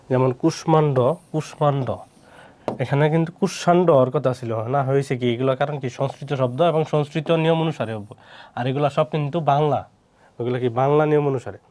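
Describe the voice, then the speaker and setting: A man's voice: on the high side, fast, mellow. A man, teaching pronunciation rules and asking himself rhetorical questions as he walks through repeated example words. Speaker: Bengali language teacher. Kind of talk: explaining pronunciation rules to students.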